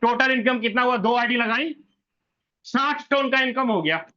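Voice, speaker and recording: A man talks through a business plan in a very high, bright voice. He poses questions and answers them himself, and often stops to correct himself. The recording sounds somewhat dull and muffled. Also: normal speed. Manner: corrects himself mid-sentence. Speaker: presenter explaining a business plan. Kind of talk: explanatory walkthrough to an online audience.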